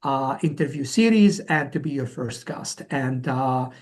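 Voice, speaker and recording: Appearing as an interview guest, this Algerian company founder in his forties recounts his story in a halting, conversational way, frequently repeating words and starting over. He has a medium-pitched, darkish voice with lively intonation.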